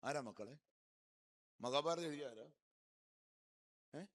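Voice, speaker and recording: A male priest preaching a sermon, quizzing the congregation with questions he answers himself, swinging between loud emphatic peaks and quiet low asides. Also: slow pace.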